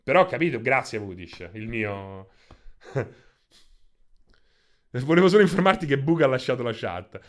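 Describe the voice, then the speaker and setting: A man, streaming games live and chatting with his viewers in an excitable, profane, ranting way, holding a handheld microphone. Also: mid-range voice, moderate pace, long pauses. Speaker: video game streamer. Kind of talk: casual live-stream chat.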